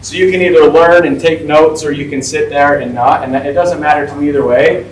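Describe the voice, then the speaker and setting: A man's voice: fairly high pitch, steady tone, a little fast, far from the mic. Chatty forty-year-old man in an echoey room. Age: 40s. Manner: chatty, informal, lots of "like" and "right?". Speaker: guest speaker. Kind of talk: casual talk to a class. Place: school classroom.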